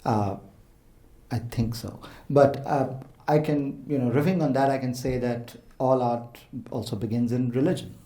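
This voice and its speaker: A man's voice: mid-range voice, steady tone, unhurried, dark tone. A man interviewing a poet, asking thoughtful questions with some "uh" and "um" fillers. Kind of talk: conversational interview. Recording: roomy live event sound.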